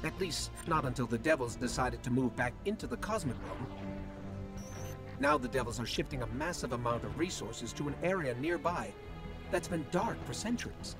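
A man voicing a wry soldier giving a brisk mission briefing in a video game. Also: mid-range voice, expressive, natural voice. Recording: game audio with music.

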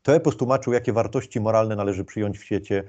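A man's voice: fairly low pitch, quick pace, darkish tone, highs cut off. A man giving an informal lecture, explaining step by step with many fillers and restarts.

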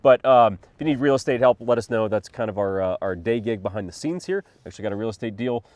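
A man's voice: on the low side, lively intonation, quick pace, a little mellow, no room sound. Rambling man with a slight cough. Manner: rambling, filler-heavy, thinks aloud. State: slight cough, under the weather. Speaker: co-host of a firearms review channel. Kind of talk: casual review chat.

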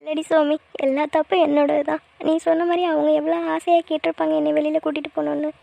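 A high-voiced young college girl in a cartoon, pleading and emotional, as a woman voices her. She talks fast on an even, narrow pitch. Her tone has a gravelly edge. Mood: upset. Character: tearful young female college student. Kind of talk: cartoon voice acting.

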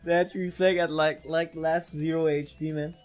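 Casting note: a man as a fired-up game streamer, a bit high-voiced, ending every sentence with "man". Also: normal speed, soft background music. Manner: excitable, repeats "man" constantly. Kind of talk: live gameplay commentary.

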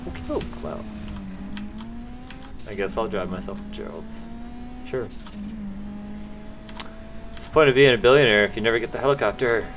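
A man's voice: mid-range voice, animated, normal speed, long pauses. A man in his thirties giving casual, playful live commentary on a game, swearing and chatting to himself and viewers. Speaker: game streamer. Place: small indoor streaming room. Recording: clear noise of game sounds and vehicles.

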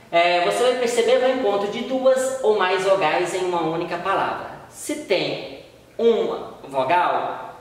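A Brazilian woman teaching a recorded primary school lesson, patiently explaining and drawing out the example words. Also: fairly low pitch. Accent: Brazilian Portuguese. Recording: echoey room, voice far from mic.

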